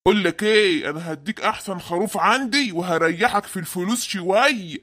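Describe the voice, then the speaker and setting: A man's voice: high voice, quick pace, fairly bright tone. A man doing a suspicious Egyptian cartoon sheep seller. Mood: haggling. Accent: Egyptian Arabic.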